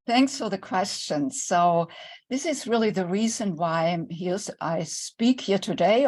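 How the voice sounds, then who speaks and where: An older German woman, an intimacy coach appearing as a guest in an online interview, speaks at a medium pitch with a German accent. She tells her own story earnestly and reflectively.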